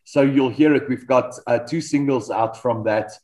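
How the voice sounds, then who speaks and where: A South African metal band vocalist whose first language is Afrikaans joins a casual video-call interview as a guest, talking from a home studio hung with band posters. His mid-range voice, picked up by a desk microphone, moves at normal speed as he tells stories in a relaxed way, full of ums and restarts.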